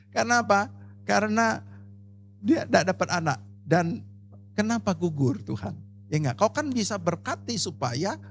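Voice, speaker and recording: Male pastor, high and highly animated voice, emphatic, talks straight to the congregation. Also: creaky. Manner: animated, emphatic preaching, addressing the congregation directly. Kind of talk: sermon with personal storytelling. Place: church service.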